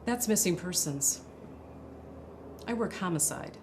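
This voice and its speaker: A woman playing a tough, businesslike homicide detective in a drama, questioning in a measured, insistent way. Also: fairly low pitch, expressive, noisy background. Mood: controlled, probing. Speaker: actor. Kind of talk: dramatic interrogation scene acting. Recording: loud music behind the voice. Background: loud instrumental music.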